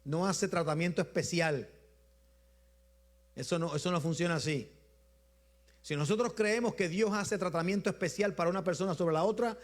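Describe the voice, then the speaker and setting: This Sunday sermon comes from a bishop with a Puerto Rican Spanish accent, a native of Puerto Rico. He repeats phrases rhythmically, slows for emphasis, and lets his voice sink low as each point ends.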